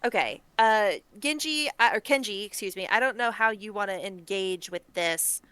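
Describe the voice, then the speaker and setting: A woman's voice: mid-range voice, normal speed, a bit bright, clear, resonant tone, no echo. A woman running a tabletop game as game master, narrating casually and often breaking off to correct herself. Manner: chatty, self-interrupting, laughs at her own setup.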